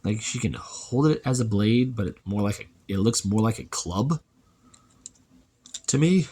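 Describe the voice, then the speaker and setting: A man casually reviewing a toy, chatty and relaxed, thinking aloud as he handles it. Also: fairly low pitch, unhurried, slight background noise.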